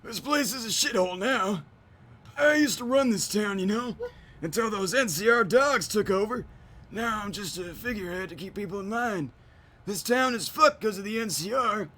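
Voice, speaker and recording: A man voicing a bitter old male town mayor with a wheezy cigarette rasp, grumbling and world-weary, as amateur game voice acting. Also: sits high, lively intonation, normal speed, pushed and bright, pitched above the performer's own voice, heavily acted. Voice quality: wheezy, gravelly.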